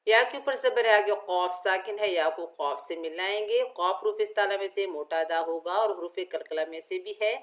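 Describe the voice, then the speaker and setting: A woman's voice: on the low side, fairly even intonation, moderate pace, hardly any pauses. A woman teaching Quran recitation, spelling out each letter and repeating syllables patiently for the learner. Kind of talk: tajweed lesson, spelling out letters.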